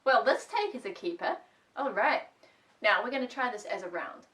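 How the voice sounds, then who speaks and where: A woman's voice: a little high, animated, moderate pace, fairly bright tone. A woman music teacher leading a children's music lesson at home, playful, singing song lines between her spoken instructions. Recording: voice a little distant from the mic.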